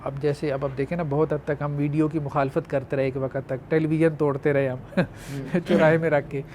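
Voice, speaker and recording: A religious scholar speaks on a studio panel in a measured, conversational way, with a somewhat high-pitched voice. A faint low rumble sits behind him. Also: male voice, level tone, darkish tone.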